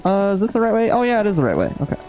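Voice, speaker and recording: A man giving casual, low-key playthrough commentary as a gaming host, musing aloud and reading out game text. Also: wildly swooping pitch, racing, music in the background.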